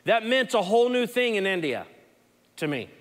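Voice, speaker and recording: Pastor, male, earnest storyteller, slightly high voice, reverberant hall. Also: big pitch swings, moderate pace. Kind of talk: sermon.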